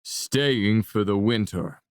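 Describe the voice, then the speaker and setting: Audiobook figure: a woman doing a gruff, exhausted man, deep and dry. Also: takes it slowly, no echo. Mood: weary. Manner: low, tired and clipped. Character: weary gruff grown man, the eldest brother. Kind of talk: audiobook narration.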